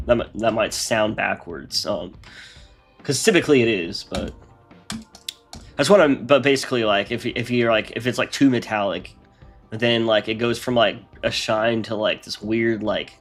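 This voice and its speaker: A man with a congested, nasal voice, chatting casually on a live stream as he rambles through his modding work aloud. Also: medium pitch.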